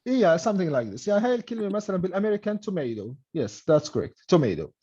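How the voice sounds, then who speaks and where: A man's voice: sits high, very animated, fast, dark tone. Man teaching English on a dull online call. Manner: mixes English and Arabic, frequent "okay?" checks. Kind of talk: online class explanation.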